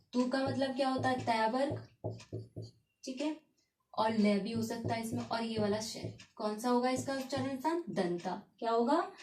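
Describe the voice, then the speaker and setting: A woman teacher giving a lesson, asking herself questions and then repeating each key term to drill it in. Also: a little high. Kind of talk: classroom-style lesson. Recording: echoey room.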